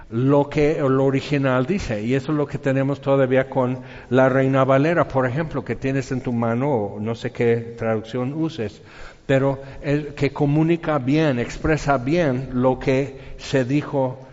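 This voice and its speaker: Animated Mexican preacher in a hall. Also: male voice, mid-range voice. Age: middle-aged. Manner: animated, colloquial storytelling with sound effects. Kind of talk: sermon. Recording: dull reverberant hall.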